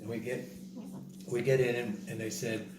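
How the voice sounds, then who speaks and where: A man telling a casual story in an animated way, repeating himself and acting out what other people said. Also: medium pitch, normal speed. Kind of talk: casual spoken travel story. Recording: roomy, distant mic, noisy background.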